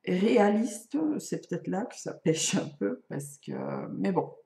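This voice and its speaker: Speaking casually to her viewers, this middle-aged woman makes knitting and crochet videos and pokes fun at herself, often pausing to hesitate. Her voice is mellow, gravelly and on the low side, she isn't a native French speaker, and the room around her echoes.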